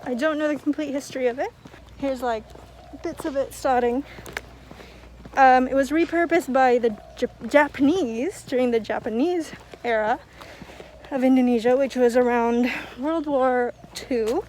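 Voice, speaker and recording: A woman's voice: high-pitched, unhurried, a little mellow, slight background noise, poor audio. Chatty giggly young woman vlogging. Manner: chatty, giggly, self-deprecating. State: out of breath. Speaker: travel vlogger. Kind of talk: casual vlog chat. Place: outdoors on a road trip, touring sites. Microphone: handheld camera.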